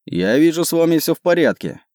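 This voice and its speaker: Man doing a loud commanding ship captain. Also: medium pitch, expressive, moderate pace, no room sound, studio quality, close to an everyday voice. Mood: satisfied. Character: boisterous adult male ship captain, commanding.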